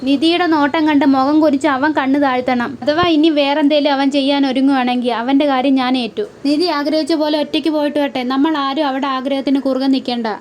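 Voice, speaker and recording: A woman's voice: high-pitched, steady tone, quick pace, hardly any pauses, darkish tone, slight background noise, lightly acted. A woman voicing a middle-aged father who reasons firmly with his wife.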